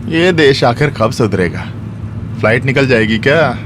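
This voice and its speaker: A man's voice: medium pitch, animated, normal speed, lightly acted. A man dubbing a cheerful departing nephew. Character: cheerful man leaving family for abroad. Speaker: dubbing actor. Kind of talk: Hindi film dub. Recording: dubbed dialogue over loud film music.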